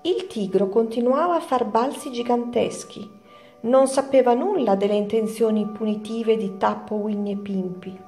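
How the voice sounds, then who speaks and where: A woman teacher reading a children's story aloud in a slow, clear storytelling manner. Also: fairly high pitch, a little mellow, roomy sound, soft background music.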